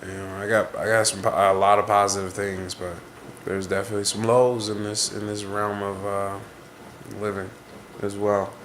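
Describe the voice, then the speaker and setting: A congested man in his twenties vents to camera as a vlogger, rambling and introspective while he searches for words. His voice is fairly low and fairly bright, with a flat delivery at a moderate pace. There's a little hiss or hum on the recording.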